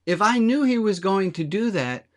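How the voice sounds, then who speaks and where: A man's voice: sits high, lively intonation, normal speed. A man, a rabbi, giving a conversational sermon and taking questions from the congregation in a candid, self-deprecating way. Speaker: rabbi leading a service.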